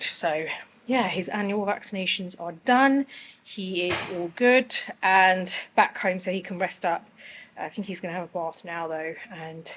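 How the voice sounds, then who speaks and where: A woman's voice: fairly low pitch, a bit bright, a little hiss or hum. A woman vlogging in a casual, chatty way, her voice a little worn and not fully back after being ill. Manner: informal and conversational, frequent checking tags like "you know". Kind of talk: casual chat to camera.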